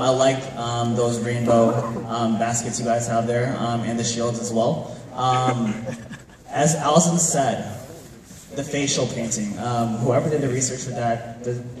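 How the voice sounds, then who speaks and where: A man judging a dance competition, giving live feedback full of fillers and effusive praise. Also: medium pitch. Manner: hesitant with many fillers, warmly effusive praise. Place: large hall at a live competition. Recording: echoey hall from far off.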